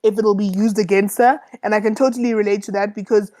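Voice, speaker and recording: A woman's voice: mid-range voice, steady tone, quick pace, mellow, low-quality recording. A woman around thirty, co-hosting a casual TV review chat in an emphatic, exclamatory way. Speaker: co-host of a TV review show.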